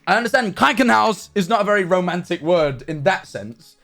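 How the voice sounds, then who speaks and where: Animated rambling young man. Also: sits high, brisk, creaky, faint music behind. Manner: rambling, animated, self-mocking. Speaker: livestreamer. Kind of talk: casual stream chat.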